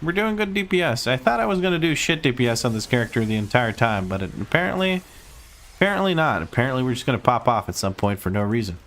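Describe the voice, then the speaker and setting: A man's voice: mid-range voice, lively intonation, fast, fairly bright tone. A man from Croatia with a Croatian accent, casually commenting on his own gameplay on stream, chatty and self-mocking, swearing now and then.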